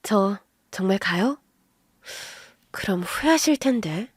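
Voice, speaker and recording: A woman's voice: mid-range voice, takes it slowly, slightly rough, dry recording. Brief: poised young sister-in-law, played by a woman reader, cool and cutting, dry sound. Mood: cool mocking. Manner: calm, cold, quietly mocking.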